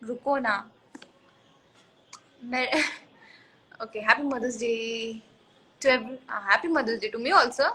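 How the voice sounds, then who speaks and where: A woman's voice: fairly high pitch, extremely slow, pauses often, pushed and bright, slight background noise. A young woman casually chatting with viewers on a phone live stream, playful and mixing Hindi with English. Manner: chatty, playful, mixes Hindi with English, frequent fillers and laughs.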